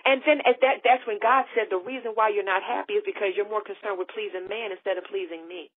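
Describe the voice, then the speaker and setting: A middle-aged woman hosting a faith talk show, speaking emphatically in an animated, testifying way and often cutting in with quick agreement. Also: medium pitch. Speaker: host. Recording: tinny phone-line sound.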